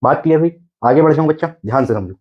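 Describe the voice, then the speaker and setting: A man's voice: on the high side, rapid-fire, dull audio. A man teaching an exam preparation class, coaxing his students with repeated rhetorical questions and frequent check-ins. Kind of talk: exam coaching lecture.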